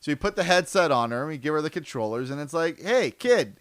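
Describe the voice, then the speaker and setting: Man, podcast co-host, casual storytelling, fairly high voice, dry close sound. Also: fast talker, clean tone, no echo. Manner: animated storyteller, laughs often, acts out voices. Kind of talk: casual chat.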